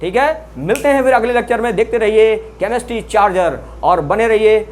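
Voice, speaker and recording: A chemistry teacher giving a classroom-style lecture, often asking the students questions and then answering them, and repeating key terms slowly for emphasis. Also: medium pitch, a little hiss or hum.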